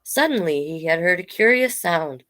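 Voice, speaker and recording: Her voice sits on the lower side, a bit bright and animated, and she moves at a moderate pace. As host of a storytime, this drag king storyteller reads picture books informally and keeps interjecting chatty remarks.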